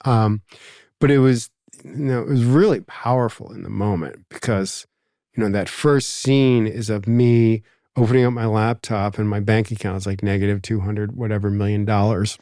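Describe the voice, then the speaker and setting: A man's voice: fairly low pitch, fairly even intonation, normal speed, mellow, no echo, clean studio sound. A man with a Philadelphia accent, hosting a podcast in casual conversation, reflective and rambling with lots of asides. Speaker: podcast host.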